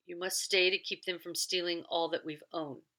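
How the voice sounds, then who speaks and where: A woman's voice: lowish voice, flat delivery, normal speed, sharp tone. A woman reading aloud and voicing a stern, cold middle-aged master who speaks in curt commands. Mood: grim.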